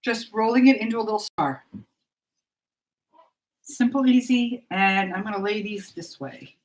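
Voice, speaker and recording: With pans and plates clattering around her, a middle-aged woman hosts a relaxed cooking video from her home kitchen and talks to her audience. Her mid-range voice is animated but unhurried. The recording sounds rough.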